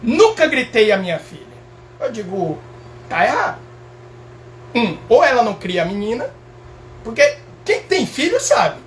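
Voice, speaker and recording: A Brazilian man with a Brazilian Portuguese accent, a professor giving a casual motivational talk in an animated, emphatic way, repeating phrases and checking in with his listeners. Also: very high voice, slight background noise. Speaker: professor and speaker.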